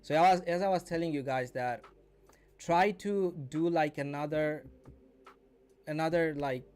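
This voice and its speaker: Speaking at a measured pace, a young man in his twenties leads a casual live stream as a day trading mentor, chatting with viewers and teaching through repetition and rephrasing. His high-leaning voice is darkish, clear, and resonant.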